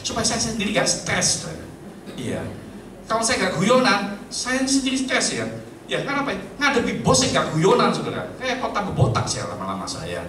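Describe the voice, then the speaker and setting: A man preaching a humorous church sermon, joking and swinging between loud and low. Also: wildly swooping pitch, normal speed. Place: church hall. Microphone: handheld mic with battery trouble. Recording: echoey hall, mic far off, noisy.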